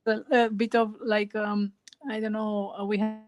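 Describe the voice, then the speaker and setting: A woman's voice: mid-range voice, flat delivery, normal speed, dry recording, low-quality recording. A Romanian woman in her forties, a guest artist, chatting hesitantly on a video call from her phone, searching for English words. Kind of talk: casual video-call chat.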